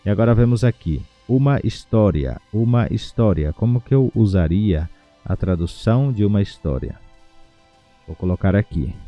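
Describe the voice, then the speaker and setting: Low-voiced man teaching pronunciation at home. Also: animated, dry recording, lo-fi sound, faint music behind. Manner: slow, syllable-by-syllable pronunciation drills. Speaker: language teacher. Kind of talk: online language lesson. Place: home without a studio.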